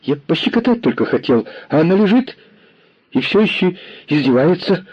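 A man voicing a scrappy lame boy soldier who pleads in a rapid, shifty patter. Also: fairly high pitch, big pitch swings, slightly rough, highs cut off, voice pushed up. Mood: whining. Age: child.

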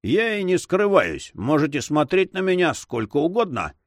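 A man's voice: a little high, sing-song, moderate pace, no echo, voice pushed up. Audiobook villain: a haughty, mocking nobleman, read by a male narrator, close and dry. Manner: ironic and haughty. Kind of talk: audiobook reading.

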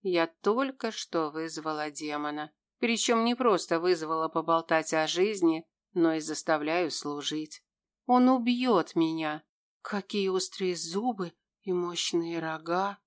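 A woman giving scripted first-person narration of an audiobook in an even, steady reading. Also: lowish voice.

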